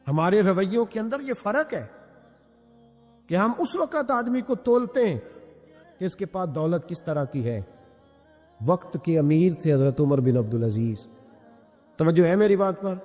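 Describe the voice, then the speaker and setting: A man's voice: high voice, darkish tone. A man preaching a sermon, emphatic, firing rhetorical questions at his listeners. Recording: echoey hall with faint music.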